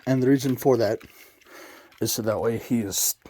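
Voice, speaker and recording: At home in his recording studio, a toy review channel host gives a casual how-to demonstration, rambling with lots of "uh" fillers and correcting himself. His mellow voice is medium-pitched and fairly even at a normal speed, picked up by a camera mic, partly a GoPro, with slight background noise.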